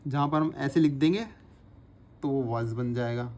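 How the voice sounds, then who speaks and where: A man teaching shorthand, explaining each stroke patiently and repeating the sounds slowly as he writes them. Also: mid-range voice, a little mellow. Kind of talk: instructional lesson, repeating drills aloud.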